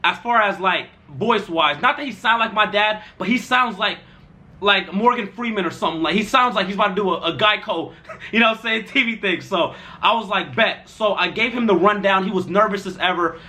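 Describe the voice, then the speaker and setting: High, bright-voiced young man telling a story. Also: brisk. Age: young adult. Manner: rambling, loose slang-filled delivery. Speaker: storytime vlogger. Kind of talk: casual storytime.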